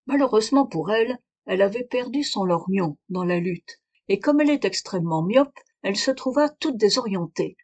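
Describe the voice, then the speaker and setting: A cool, sharp detective walks through his deduction step by step, as a woman reader voices him. The delivery stays measured and explanatory, close to the reader's own voice. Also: medium pitch, animated, highs cut off, lightly acted. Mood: explaining.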